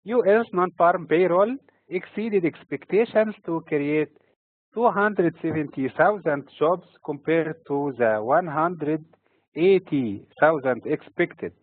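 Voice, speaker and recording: A man from Egypt giving scripted financial market commentary in a steady, formal delivery. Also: fairly high pitch, slow. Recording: tinny phone-like recording.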